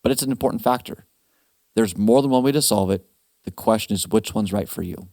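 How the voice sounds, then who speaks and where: A man hosting a retirement planning webinar, talking casually with animated asides and quick restarts. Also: lowish voice, dry recording, clean studio sound. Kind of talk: casual advice talk.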